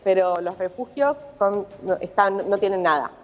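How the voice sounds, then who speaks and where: Speaking at a moderate pace in a medium pitch, this Argentine-accented woman is a journalist abroad describing events in a live news interview. Her audio comes over a muffled remote connection that carries a long reverb tail.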